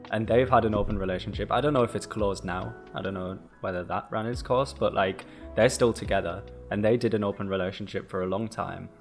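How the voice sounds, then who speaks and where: Man, young adult, fairly low voice, reflective, rambling, podcast co-host, faint music. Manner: reflective, rambling, laughs easily. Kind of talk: casual chat.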